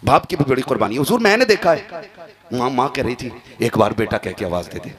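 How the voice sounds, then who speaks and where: A man preaching a devotional sermon in an impassioned way, his voice rising to loud cries. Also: medium pitch, big pitch swings, fairly quick.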